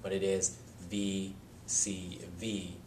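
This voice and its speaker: A lower-pitched man teaches a phonics lesson at an unhurried pace. He explains each step patiently and repeats the example words slowly. A faint hiss of background noise sits under his voice. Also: little pitch movement.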